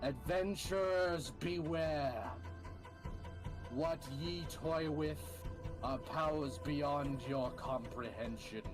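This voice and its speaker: Guy doing the booming magically amplified voice of a haunted tower, slow and ominous, old-timey warning talk. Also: music in the background. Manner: slow, solemn, archaic warning. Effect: magically amplified, booming voice that seems to echo. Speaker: game master. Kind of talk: narrating a tabletop game over voice chat.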